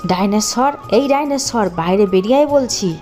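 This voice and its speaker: Woman plays a hot-tempered father, loud and emotional, warm dark voice, middle pitch. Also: lively intonation, moderate pace, faint music behind, lightly acted. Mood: angry. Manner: shouting, emotional. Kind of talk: cartoon voice acting.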